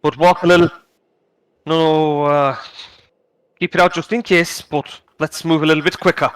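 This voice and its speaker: A man voicing a calm male wagon driver in a tabletop game, speaking in short, steadying orders. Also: on the high side, moderate pace, clear, resonant tone, lightly acted, low-quality recording. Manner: terse, steadying.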